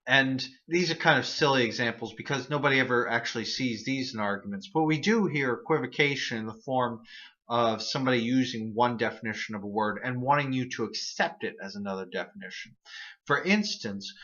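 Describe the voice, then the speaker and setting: Hosting his own atheist video series, a man explains reasoning errors in a casual but earnest monologue, often restarting and repeating words. His medium-pitched voice is sharp and fairly quick, though the audio sounds dull.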